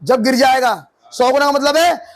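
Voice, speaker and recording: Male pastor, very high voice, emphatic questioning sermon style. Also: moderate pace. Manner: preaching with rising emphatic questions.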